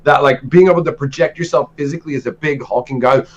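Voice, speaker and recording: A man's voice: a little high, fast talker. A man in his forties, a guest telling stories in a playful, teasing way, with dull lo-fi audio. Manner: animated, playful, teasing storyteller. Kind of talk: casual storytelling.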